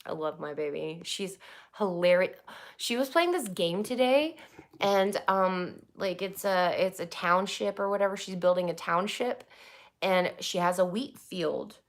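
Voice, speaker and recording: Young woman, lowish voice, loose rambling vlog chat with casual swearing. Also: expressive, measured pace. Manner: rambling, swears freely, laughs often. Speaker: YouTuber.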